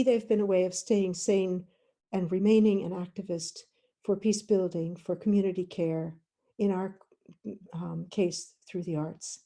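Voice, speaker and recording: Woman with a very dark, mellow voice. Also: mid-range voice. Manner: measured, reflective. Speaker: panelist. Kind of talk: reflective talk.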